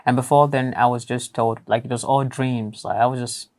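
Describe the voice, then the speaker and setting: A young man with a boyish voice that lacks deep range, talking casually as an interview guest. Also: fairly even intonation, normal speed. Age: young adult. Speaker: interview guest, voice actor and writer.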